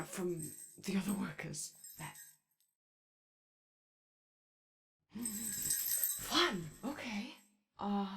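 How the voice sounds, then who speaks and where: A woman acts as an anxious animatronic daycare attendant in an ASMR roleplay, always eager to please and keen to be friendly. Her medium-pitched voice is slow and soft with some vocal fry, and her speech is hesitant and rambling. The mood is gentle, with slight background noise.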